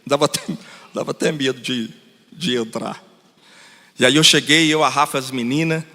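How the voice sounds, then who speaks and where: Male pastor, animated sermon storytelling, sharp tone, long church-hall echo. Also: mid-range voice, normal speed. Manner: animated storytelling, addresses the congregation. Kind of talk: sermon testimony.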